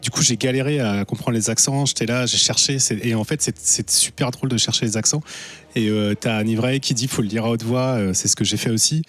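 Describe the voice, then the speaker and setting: A man's voice: mid-range voice, fairly even intonation, fairly quick, fairly bright tone, faint music behind. A man reviewing comics on a podcast, casual and slangy, enthusiastic and repeating words. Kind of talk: casual chat.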